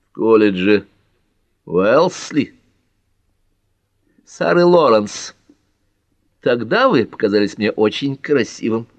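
A man voicing a sharp-tongued young woman in an audiobook, with quick, mocking retorts and a slightly raised voice. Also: medium pitch, no echo, natural voice. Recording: dull dry lo-fi audiobook.

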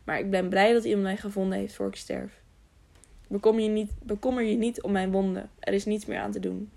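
A woman reading the lines of a gravely wounded, proud masked knight who speaks in a weak whisper. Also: mid-range voice, flat delivery, fairly quick, warm tone.

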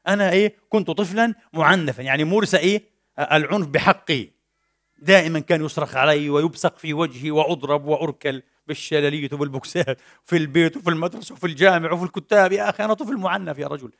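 A man's voice: fairly high pitch, rapid-fire, fairly bright tone. A man preaching. He mixes formal with colloquial speech and keeps asking rhetorical questions, then answering them himself. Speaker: preacher and lecturer. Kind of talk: lecture-style sermon.

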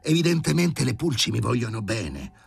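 A man's voice: medium pitch, wildly swooping pitch, normal speed, creaky, breathy edge, pitched above the performer's own voice, exaggerated voice. A man voicing a coarse, cocky man who used to be a stray dog, talking back with brash, sarcastic insolence in an audiobook reading.

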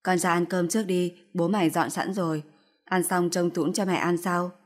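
A woman's voice: fairly low pitch, steady tone, normal speed, lightly acted. A woman doing a fierce scolding old mother-in-law. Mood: gentle coaxing. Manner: harsh, shouting, scolding.

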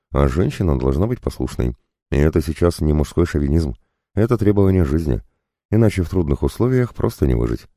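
A man narrating a fantasy audiobook in the first person, calm and steady. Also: a bass voice, no room sound, studio quality.

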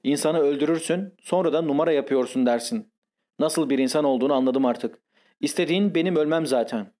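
A man doing a shrill, accusing wife. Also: brisk, mellow, natural voice. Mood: bitter. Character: angry, hurt wife, middle-aged woman.

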